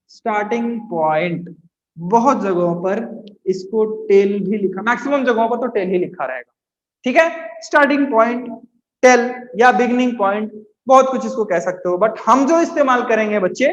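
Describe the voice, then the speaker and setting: Man teaching physics in an echoey room. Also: very high voice. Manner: coaxing, repeats key terms slowly, mixes in English. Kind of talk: classroom lecture to students. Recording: echoey room, dull lo-fi sound.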